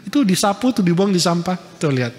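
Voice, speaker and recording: Lively preacher man in an echoing hall. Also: sits high, fast talker. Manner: lively, jokey, points at pictures. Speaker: Islamic preacher. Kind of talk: casual religious lecture.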